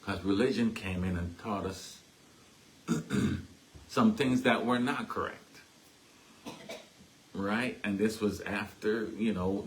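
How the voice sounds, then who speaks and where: In a fairly low, darkish voice, a Caribbean-accented man delivers an informal lesson at a spiritualist church. He keeps it chatty, repeatedly tacking "right?" onto what he says, over slight background noise on a rough recording.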